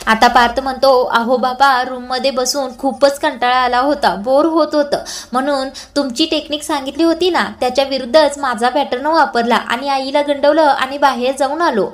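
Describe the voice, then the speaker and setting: A woman's voice: high-pitched, steady tone, normal speed. A woman with a Marathi accent retelling a TV serial episode, reading every character's lines in her own voice, with small hesitations. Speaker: serial recap narrator.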